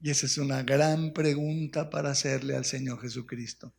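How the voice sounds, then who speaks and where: A man's voice: mid-range voice, little pitch movement, moderate pace, gravelly. A man preaching a sermon in a church, emphatic and full of rhetorical questions. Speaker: pastor. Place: church sanctuary.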